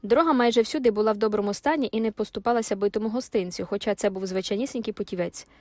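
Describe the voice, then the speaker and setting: A woman narrating an audiobook in a measured storytelling manner. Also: medium pitch, darkish tone, no room sound. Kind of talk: scripted narration.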